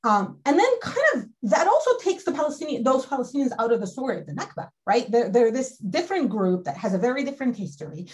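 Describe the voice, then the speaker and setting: A woman's voice: on the high side, very animated, quick pace, few pauses, low-quality recording. A woman from the Galilee speaking as a researcher on an academic panel, earnest and explanatory, with frequent fillers. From Israel (Galilee).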